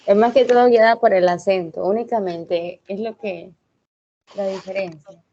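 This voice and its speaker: A woman's voice: mid-range voice, normal speed, mellow. Student woman, dull call audio. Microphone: video call.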